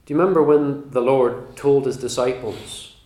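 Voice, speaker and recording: A man preaching a sermon, teaching the Bible in an earnest, emphatic way with measured pauses. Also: medium pitch, warm tone. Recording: roomy echo.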